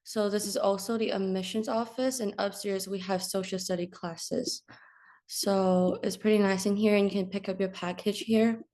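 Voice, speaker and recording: Young female student guide from China, casual, filler-heavy, monotone delivery. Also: medium pitch, normal speed. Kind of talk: informal campus tour narration.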